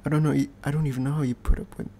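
A man's voice: on the high side, little pitch movement, very fast, mellow. A British man doing an ASMR role-play as a needy, clingy, playful boyfriend, speaking in an intimate, affectionate, pleading way. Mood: teasing, clingy.

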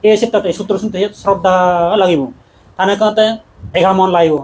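A man, a Buddhist monk, giving a dhamma talk in a quick, conversational preaching manner with laughs. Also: high voice, fairly even intonation, a little mellow, a little hiss or hum.

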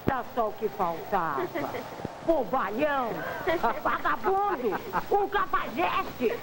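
An actress playing an indignant middle-aged nanny, haughty and scolding, in 1950s film acting. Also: female voice, a little high, expressive, takes it slowly. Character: indignant, scornful middle-aged nanny defending her dignity. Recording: noisy old film soundtrack.

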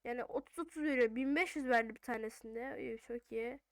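A woman's voice: fairly high pitch, fairly quick, no room sound. A woman giving casual gameplay commentary, thinking aloud in an informal way as she plays. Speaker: gaming video host.

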